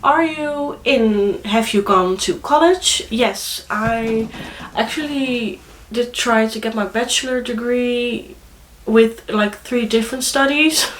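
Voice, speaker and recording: This casual to-camera vlog features a young Dutch woman with a cold, speaking with a Dutch accent in a chatty, hesitant style with many fillers and false starts. Her voice is a little high and fairly bright, and she takes it slowly. The audio is poor, with an echoey room and slight background noise.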